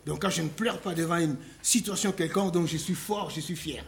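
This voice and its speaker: A man preaching a sermon, slow and emphatic, reading scripture aloud and asking rhetorical questions. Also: on the high side, gravelly, slight background noise.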